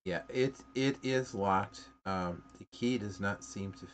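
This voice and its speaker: A man running a tabletop game as game master, measured, with pauses and fillers. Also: on the low side, a little hiss or hum. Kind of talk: tabletop game play over a stream.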